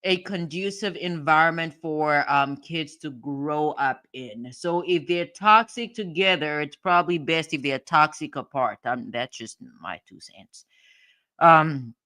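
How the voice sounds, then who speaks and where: A woman's voice: low voice, a little slow, pushed and bright, no room sound. A woman hosting a livestream, giving casual commentary on court documents as she thinks aloud and repeats her phrases. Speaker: livestream host.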